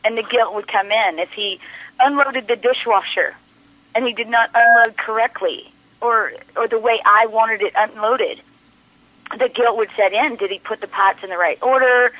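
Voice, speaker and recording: A woman's voice: a little high, moderate pace, no echo. Earnest woman guest on lo-fi radio. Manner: earnest, restarts words, reflective. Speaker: radio guest sharing her story. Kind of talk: personal account in a radio interview. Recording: dry, dull lo-fi radio audio.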